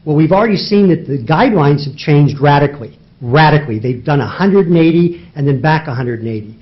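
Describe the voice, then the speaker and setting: A man's voice: on the high side, lively intonation, brisk. A man arguing as a lawyer before a judge, pressing his points with rhetorical questions and emphatic repetition. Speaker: lawyer arguing in federal court. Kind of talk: courtroom oral argument. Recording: dull lo-fi courtroom audio.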